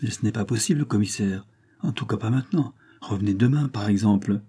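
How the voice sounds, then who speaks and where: A man voicing a fierce, defiant middle-aged woman artist in an audiobook, raising his voice high and insistent. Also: fairly quick, mellow, slightly rough.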